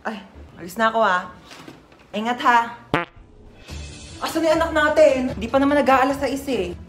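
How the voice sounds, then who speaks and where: A woman's voice: high-pitched, animated, moderate pace, faint music behind. A woman acting in a comic skit as a fussy, worried mother.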